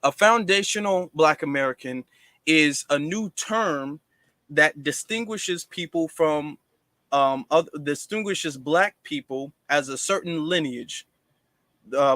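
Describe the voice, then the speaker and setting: A man's voice: on the high side, fairly bright tone, no room sound. A man hosting a casual livestream, explaining at length to viewers with many fillers and restarts. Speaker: livestream host.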